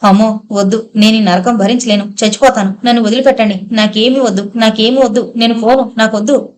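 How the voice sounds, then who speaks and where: A woman's voice: fairly high pitch, fairly even intonation, a little fast, a little mellow, natural voice. Woman voicing a raving, bitter young woman. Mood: anguished. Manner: bitter, wild outbursts.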